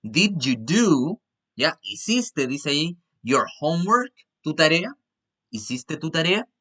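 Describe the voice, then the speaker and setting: A male English teacher with a Chilean Spanish accent, explaining grammar patiently in an online class, often checking understanding and switching between Spanish and slow English. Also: fairly high pitch, sing-song, sharp tone.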